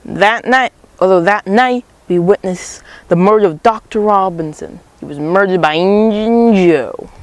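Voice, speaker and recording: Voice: mid-range voice, a little slow, few pauses, no echo, lightly acted, low-quality recording. A student voicing Tom Sawyer, a bold boy retelling his adventures in a school character play. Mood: proud.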